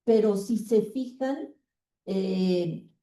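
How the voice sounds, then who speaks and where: A woman, an anthropologist and seminar moderator, speaking in slow, measured comments. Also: mid-range voice, mellow. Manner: slow, measured, praising remarks. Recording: roomy audio from far off the mic.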